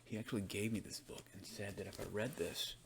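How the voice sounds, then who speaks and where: A man doing a soft-spoken, whispered role-play as a librarian, chatting about books in a rambling, informal ASMR style. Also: lowish voice, fairly even intonation, fairly quick, background noise. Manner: rambling, informal, conversational book commentary. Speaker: ASMR performer playing a librarian.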